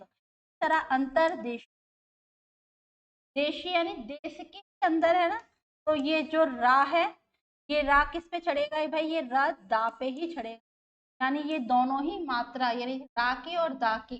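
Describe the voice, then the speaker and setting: Woman teacher going over grammar for an exam, slow and patient, high bright voice. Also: dull audio. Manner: explains slowly, repeating terms and asking questions of the class. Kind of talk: exam-prep grammar lesson.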